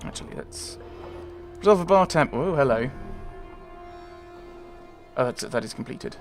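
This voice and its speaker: A man's voice: mid-range voice, animated, measured pace, faint music behind. A man doing casual game commentary, thinking aloud in muttered asides and reading bits of game text. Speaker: let's player.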